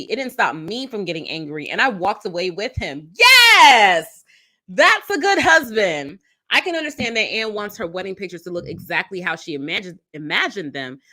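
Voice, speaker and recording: A woman's voice: fairly low pitch, bright, forceful tone. A woman streaming live, reading an online post aloud and reacting to it with emphatic, outraged commentary and frequent laughter.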